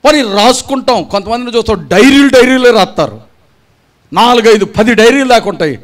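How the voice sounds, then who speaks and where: Preaching the gospel at a church gathering, a pastor chides his congregation through rhetorical questions and scornful imitations of churchgoers. His pitch is extremely high and his delivery expressive. He talks a little fast.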